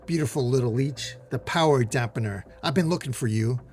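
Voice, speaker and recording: Brief: man voicing a gloating monster giant, slow and gravelly, comic recap. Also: mid-range voice, a little mellow, slight background noise, natural voice. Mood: menacing. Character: Infernal Hulk, huge menacing ancient male monster.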